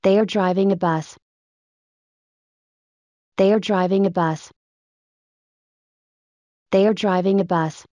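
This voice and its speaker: A woman's voice: mid-range voice, steady tone, slow pace, pauses often, dark tone, dry recording. A woman reading short English practice sentences aloud, each one repeated in a plain, evenly paced model delivery. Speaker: English phrase reader. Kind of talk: slow repeated phrase drills.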